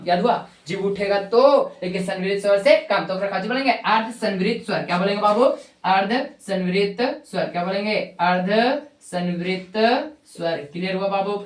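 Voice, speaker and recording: Echoey Bihari-accented woman drilling grammar. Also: medium pitch. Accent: Magahi-inflected Hindi from Bihar. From Bihar, India. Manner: repetitive drilling, asks questions and answers them herself. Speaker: Hindi grammar teacher. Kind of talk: classroom grammar lesson. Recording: echoey room.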